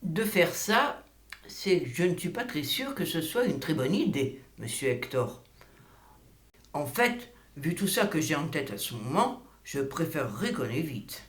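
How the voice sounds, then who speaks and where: A woman's voice: low-pitched, big pitch swings, unhurried. A woman playing a deferential yet outspoken older woman in a theatrical comedy, wordy and rustic in phrasing. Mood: reluctant. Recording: echoey room.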